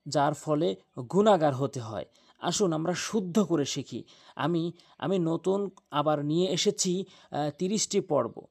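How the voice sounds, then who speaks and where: A middle-aged man gives a pronunciation lesson for Quran recitation, earnest and insistent. His voice sits a little high with a gravelly, fry-tinged edge. He drags out each letter sound and repeats it several times. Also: a little mellow.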